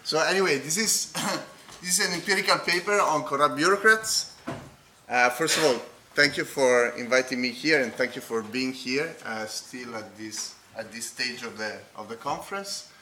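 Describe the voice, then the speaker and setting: Presenting his academic paper at a conference hall, a non-native-accented man halts, restarts, and fills pauses, tossing "okay?" tags to the audience. His voice is mid-range and sharp, with slight background noise.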